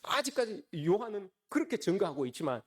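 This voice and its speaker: Fast, animated male pastor preaching. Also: sits high. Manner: often addresses the congregation directly with rhetorical questions. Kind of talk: sermon. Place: church service.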